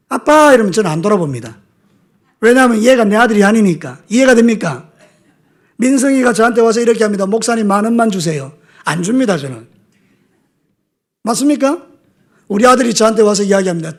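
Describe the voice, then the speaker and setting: A middle-aged man preaching from the pulpit with a high, bright voice. He keeps asking the congregation short questions, then swings from loud calls down to low, weighted words. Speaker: pastor. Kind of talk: sermon. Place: church sanctuary.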